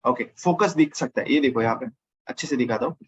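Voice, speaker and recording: A man's voice: mid-range voice, fast, slightly rough, dull audio. A man teaching a casual coding lesson over his screen, thinking aloud and correcting himself as he goes. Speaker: programming teacher.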